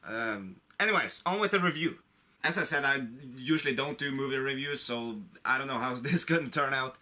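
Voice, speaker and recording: Brisk and pushed, his medium-pitched voice sounds bright. Recovering from a cold, this online creator reviews a movie to camera casually and without a script, rambling and repeating himself like the eager fan he is.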